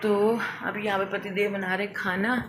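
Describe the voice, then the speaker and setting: A young woman and mother chatting casually to her viewers in a home vlog, unhurried and friendly in tone. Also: medium pitch, flat delivery. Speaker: family vlogger, mother. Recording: noisy home ambience in background.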